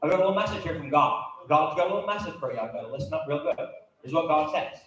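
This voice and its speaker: A man acting out a folksy old backwoods hunter with a thick Vermont accent. He rambles and repeats himself in a mumbly, high-pitched voice. It is a comic stage sketch, captured in a very reverberant hall. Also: expressive, rapid-fire, fairly bright tone. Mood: earnest, cocksure. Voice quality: thickly mumbled, hard to understand. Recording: very echoey live hall.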